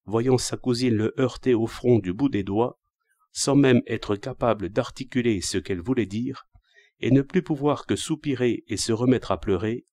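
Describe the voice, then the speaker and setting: Brief: male audiobook narrator, measured literary reading, mid voice, dead-dry sound. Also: mid-range voice, darkish tone, dry recording. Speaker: audiobook reader.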